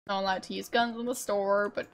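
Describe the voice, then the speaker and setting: A woman doing casual game commentary, thinking aloud in a halting, musing way. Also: mid-range voice, steady tone, vocal fry, slight background noise. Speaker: game streamer.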